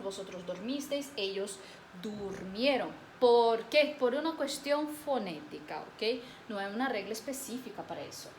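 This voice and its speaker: Patient woman teacher, roomy echo. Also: a little high. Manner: patient, drills conjugations slowly, checks in with "¿ok?". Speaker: Spanish teacher. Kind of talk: video lesson. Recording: roomy echo, faint background hiss.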